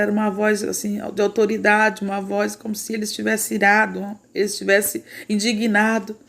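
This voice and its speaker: A woman's voice: mid-range voice, creaky. A woman with a Brazilian Portuguese accent gives a fervent religious testimony of a prophetic vision and reads scripture aloud. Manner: fervent, repeats "igreja" and "louvado seja Deus". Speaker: church sister sharing a prophetic vision.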